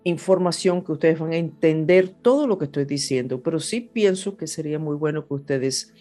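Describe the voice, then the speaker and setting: Her voice sits low and mellow, with lively intonation at a normal speed. She's an astrologer and horoscope presenter, a non-native Spanish speaker, chatting unscripted about horoscopes and spirituality to an audience over music.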